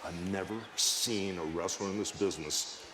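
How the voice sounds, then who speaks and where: A man speaking in measured, direct address in a roomy, noisy recording. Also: low voice, fairly even intonation. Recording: roomy, noisy, echoing sound.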